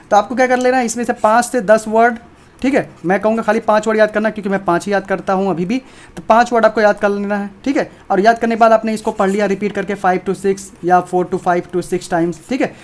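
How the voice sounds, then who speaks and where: Fast-talking male exam prep teacher. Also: sits high. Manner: emphatic, repetitive, talks straight to viewers. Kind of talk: informal video lesson.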